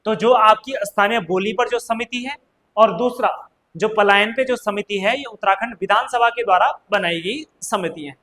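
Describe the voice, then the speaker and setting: A man's voice: high-pitched, moderate pace, sharp tone, poor audio. A man teaching an exam coaching class in a classroom, explaining practice questions in a chatty way and checking in with his students. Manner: mixes Hindi explanation with read-out English.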